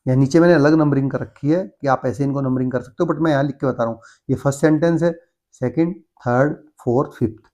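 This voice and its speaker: A man with an Indian accent teaching a school textbook lesson. His pitch sits in a middle range. He reads English lines slowly and carefully, then explains them quickly in Hindi. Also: dark tone. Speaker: tutor.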